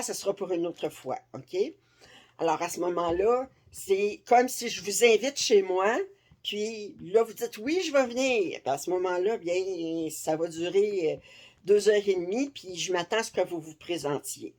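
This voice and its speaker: Chatty Québécois woman, low voice. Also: a little mellow. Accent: Québécois French. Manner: chatty, many fillers and "ok?" check-ins. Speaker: craft vlogger. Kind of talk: casual direct-to-camera chat. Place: her living room. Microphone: camera framing upper body.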